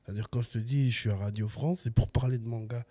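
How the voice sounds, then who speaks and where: A man's voice: mid-range voice, steady tone, fast, mellow, no room sound. A man in his forties talking loosely as a podcast guest, laid-back and slangy. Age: 40s. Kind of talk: casual interview chat.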